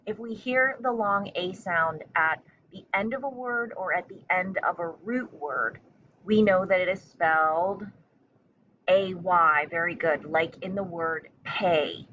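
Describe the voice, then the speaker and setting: A woman teacher leads a spelling lesson and dictation, enunciating carefully and repeating words in an encouraging, instructional way. Her voice is on the low side and fairly bright, and she keeps a measured pace. The recording sounds muffled and lo-fi, with faint noise.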